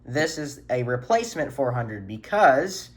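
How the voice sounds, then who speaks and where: His voice is husky and mid-range, with a measured pace and big pitch swings. The man is hosting an informal video from his room, earnestly showing off the weather radios he collects.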